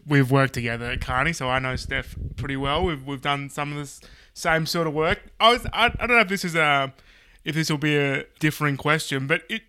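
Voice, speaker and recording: A man with a fairly high, bright voice co-hosts a podcast. His tone is crisp and clear. He asks questions hesitantly and restarts them as he goes. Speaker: co-host. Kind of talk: conversational podcast interview.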